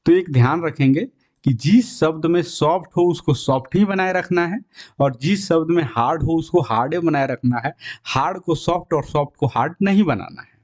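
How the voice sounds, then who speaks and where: Male teacher, mellow warm tone, informal lesson, drawn-out example words. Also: on the high side. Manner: checks in often with "clear?" and "theek hai", drawls example words slowly; chatty and informal, stops for asides to students. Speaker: English teacher. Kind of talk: Hindi-language spelling lesson.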